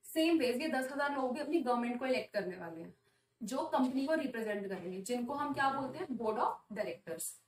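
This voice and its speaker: High-voiced woman teaching in an echoey room. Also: animated. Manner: asks questions then answers them, mixes English terms into Hindi; reads English definitions slowly. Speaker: commerce teacher. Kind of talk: classroom lecture. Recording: echoey room, a little distant.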